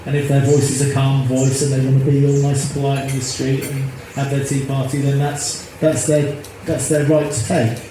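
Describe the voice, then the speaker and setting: A man in his fifties, an activist, is being interviewed casually and speaks earnestly but rambles and repeats himself. His voice is medium in pitch and level in tone, at a moderate pace with few pauses. The phone recording is echoey and noisy.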